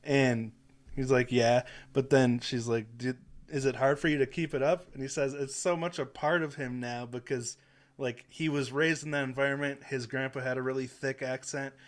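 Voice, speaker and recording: Relaxed man retelling a story. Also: medium pitch, moderate pace. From Wisconsin. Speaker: podcast co-host. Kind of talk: casual chat.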